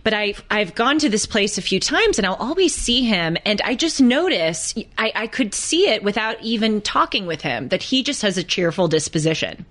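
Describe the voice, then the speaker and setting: A woman co-hosting a podcast, telling a story in an earnest, halting way. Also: mid-range voice, big pitch swings, a bit bright. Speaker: podcast co-host. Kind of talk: casual podcast conversation.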